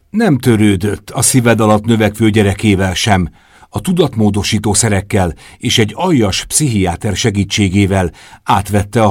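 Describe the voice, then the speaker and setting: A man narrating a novel in the first person, in a measured, subdued storytelling manner. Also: fairly low pitch, darkish tone, slightly rough, no room sound, studio quality. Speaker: audiobook narrator.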